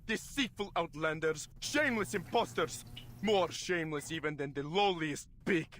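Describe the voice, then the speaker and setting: A man's voice: on the high side, moderate pace, lightly acted. An actor playing a furious male prisoner in a game, hurling curses. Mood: raging. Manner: cursing loudly.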